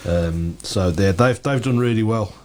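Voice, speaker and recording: A man co-hosting a casual sports chat, talking rapidly and knowledgeably and often hedging his points. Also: lowish voice, darkish tone, slight background noise. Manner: rapid, knowledgeable, hedges with "to be fair". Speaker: podcast co-host.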